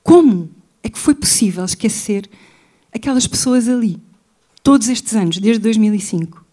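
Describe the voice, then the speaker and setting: A woman's voice: on the high side, animated, moderate pace, warm tone. A woman with a European Portuguese accent, a writer and journalist speaking as an interview guest, talking intensely and repeating key phrases for emphasis. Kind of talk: impassioned interview talk.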